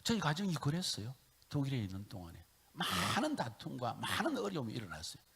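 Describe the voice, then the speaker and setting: A middle-aged man preaching a sermon as a missionary, swinging from hushed whispers to loud calls, having the congregation repeat lines, and acting out his own tearful prayers. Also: medium pitch, wildly swooping pitch, a little fast, vocal fry, crowd noise.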